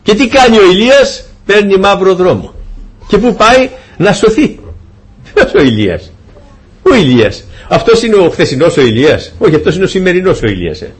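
A man preaching a sermon, retelling a scripture story in lively, humorous fashion and acting out the dialogue. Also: sits high, breathy edge.

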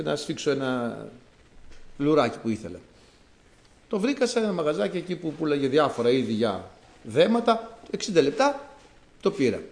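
Male preacher from Greece, high-ish voice, swings wide in pitch, emphatic sermon delivery. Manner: animated, rising to emphatic outbursts.

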